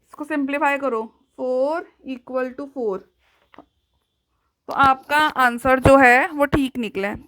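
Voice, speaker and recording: A woman with a high voice walks through a math problem. She dictates every step slowly and deliberately, like a teacher taking a class through the working. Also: fairly bright tone, rough recording.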